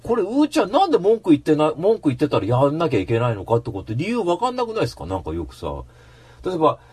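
A man hosting a radio show in a casual rambling monologue, slangy and animated, breaking into mock-angry rants. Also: on the high side, racing, breathy edge.

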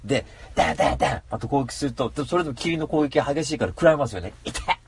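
A man telling a story in a casual solo monologue, animated and given to mock rants. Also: mid-range voice, very fast, creaky, slight background noise.

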